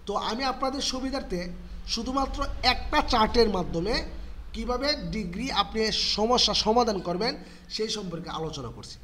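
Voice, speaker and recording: A man. He works through the rules step by step, often pausing to ask his students a question and then answering it himself. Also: sits high, lively intonation, pushed and bright, slight background noise. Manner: asks rhetorical questions and answers them, spells words letter by letter. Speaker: English grammar teacher. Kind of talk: explanatory lesson for students.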